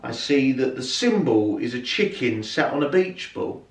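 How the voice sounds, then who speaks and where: A man storyteller from England performing a spoken story with lively, rhythmic repetition. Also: medium pitch, normal speed. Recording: roomy, from far off.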